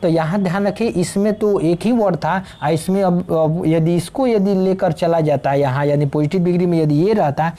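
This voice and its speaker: Lady teacher, low warm voice, slow grammar lesson, lots of uh and spelling letters out. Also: steady tone. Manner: slow explaining, spells out letters, many fillers. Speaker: English teacher.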